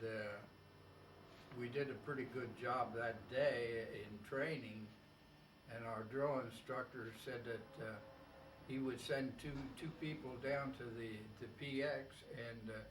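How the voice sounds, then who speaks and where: An elderly American man, a war veteran remembering his service in an interview, speaks in a halting, measured way with long pauses. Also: mid-range voice, fairly bright tone. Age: elderly, 80s or older. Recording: roomy, distant mic, faint hum.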